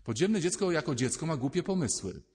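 A man, a priest, giving a lively, conversational sermon and acting out little inner voices as he speaks. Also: a little high, brisk, slightly rough, in a large hall.

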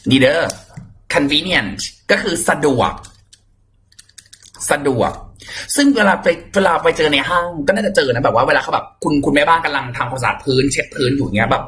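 A man teaching English vocabulary in a casual, playful lesson, chatting warmly and repeating and spelling out words for his students. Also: on the high side. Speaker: English exam tutor.

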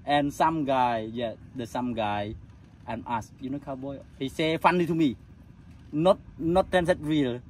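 Cambodian-accented man, forties, chatty tuk-tuk driver in broken English, mid-pitched voice, light street noise. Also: measured pace. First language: Khmer. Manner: broken English, laughs often, acts out quoted voices. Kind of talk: casual storytelling interview.

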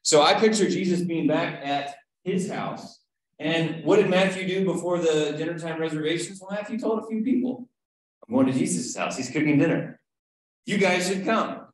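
A man's voice: fairly high pitch, moderate pace. A man teaching an online Bible study in a chatty way, often asking the group questions and checking in with "right?". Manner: conversational, asks the group questions, frequent "right?". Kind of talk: casual Bible study teaching on a video call. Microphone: video call. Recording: very echoey room.

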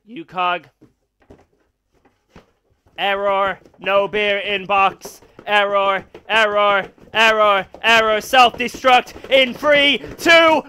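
A man using a robot voice changer to play a malfunctioning, beer-fuelled male robot, speaking in clipped, monotone announcements. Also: high voice, extremely slow, smooth, voice pushed up, heavily acted. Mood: alarmed glitching. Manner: clipped, monotone announcements, rising to frantic alarms.

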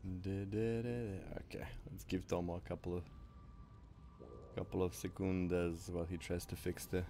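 A man streaming a game live, chatting casually and playfully, thinking out loud and humming nonsense syllables while he plays. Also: low voice, completely flat delivery, moderate pace, faint music behind. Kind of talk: casual live gameplay chat.

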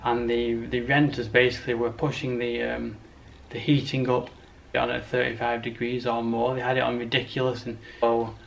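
This is a casual house walkthrough vlog by a man in his thirties, who rambles matter-of-factly to a handheld camera held at arm's length. His medium-pitched voice is monotone at normal speed with few pauses, and background noise is clearly heard.

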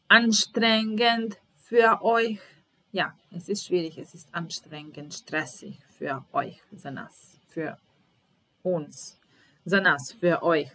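Slow, low-voiced woman teaching German. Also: a bit bright. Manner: repeats German sentences then translates, patient. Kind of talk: slow language lesson.

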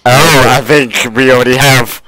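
A man's voice: medium pitch, fairly even intonation, normal speed, noisy background. A man chatting casually over voice chat while gaming, joking and swearing. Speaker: gaming video host.

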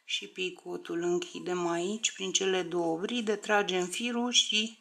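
A woman's voice: medium pitch, creaky, fairly bright tone. A woman teaching a crochet tutorial step by step, counting stitches aloud, often under her breath, and checking in with viewers.

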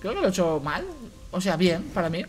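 A man's voice: high-pitched, sing-song, a little fast, faint music behind. A man with a Spanish accent from Spain giving playful gameplay commentary as a youtuber. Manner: playful, translating the game aloud. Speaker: gaming youtuber.

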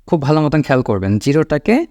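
A man teaches English, his voice rising and falling a lot as he explains. He draws out each example sentence slowly so learners can follow. The sound is close and dry, with no room echo. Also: fairly high pitch, sing-song, mellow. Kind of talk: spoken English lesson.

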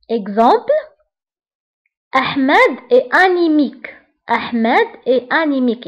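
A woman with a Moroccan Arabic accent teaching French vocabulary. She repeats each French word slowly several times. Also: sits high, highs cut off.

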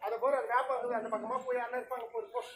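A woman's voice: fairly high pitch, flat delivery, very fast, over a noisy crowd, close to an everyday voice. A stage actor playing a frightened village woman home alone, pleading and wailing in a village stage drama. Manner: pleading, wailing, sung laments. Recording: echoey live stage with loud music.

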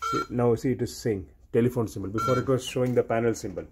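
A man with a medium-pitched, steady voice talks quickly over background noise. He's a technician giving hands-on training, explaining step by step and repeating himself as he shows how the equipment works.

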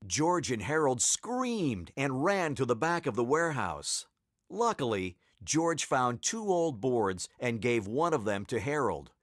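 A man narrating a children's storybook, playful and expressive, his pitch moving widely through each line. The recording is close and dry, with no room sound. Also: a little slow, dry recording.

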